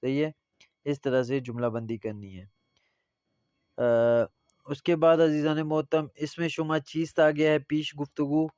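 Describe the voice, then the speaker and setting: A male teacher with a Pakistani Urdu accent giving a Persian language lesson, reading phrases slowly and then explaining them. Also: a little high, steady tone, a little mellow, clear, resonant tone, no room sound. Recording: slightly dull lo-fi audio.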